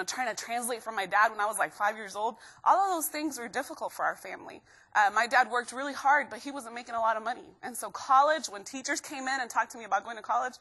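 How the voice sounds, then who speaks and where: A young woman from Guatemala giving an energetic live motivational talk to students, constantly asking the crowd questions. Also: fairly high pitch. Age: young adult. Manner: energetic, keeps quizzing the crowd. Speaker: motivational speaker.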